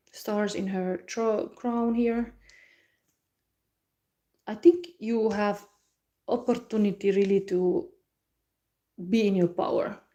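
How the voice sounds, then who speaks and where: A woman reads tarot cards live, her voice mellow and warm at a middling pitch. She talks in a soft, musing way, pausing on hums and restarting her phrases as she turns each card. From Finland. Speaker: tarot reader.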